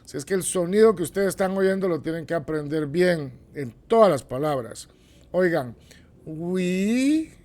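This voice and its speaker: An English pronunciation teacher from Guatemala with a Guatemalan Spanish accent. The teacher explains a point, then models each word and drills phrases through slow repetition. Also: mid-range voice, warm tone. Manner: switches between explaining and modeling words. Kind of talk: online pronunciation lesson.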